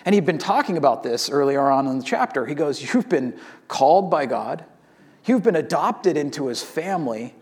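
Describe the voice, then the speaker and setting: A male pastor in his thirties gives a sermon in a high, light voice. He talks in a loose, conversational way, acting out stories and often checking in with "right?". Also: normal speed. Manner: conversational, animated storytelling with frequent "right?".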